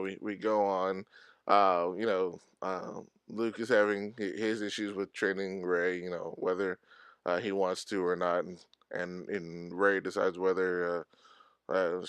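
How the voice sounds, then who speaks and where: Middle-aged man, very low smooth voice, dry close sound, chatty film reviewer who rambles. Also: fairly bright tone, no room sound. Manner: rambling, many fillers and restarts. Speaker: movie reviewer. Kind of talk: casual spoken film review.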